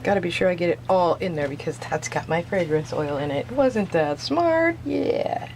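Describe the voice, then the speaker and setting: A woman with a lowish, noticeably creaky voice talks through a hands-on craft in a casual vlog style. She muses aloud in short, chatty phrases, as if half to herself. Faint noise sits behind her voice. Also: fairly quick, a little mellow. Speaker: soap maker narrating own craft video.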